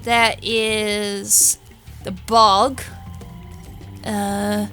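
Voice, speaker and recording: A woman with an Australian accent giving chatty, excitable let's-play commentary and poking fun at herself. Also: mid-range voice, very slow, faint music behind. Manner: excitable, chatty, self-mocking. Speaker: gamer.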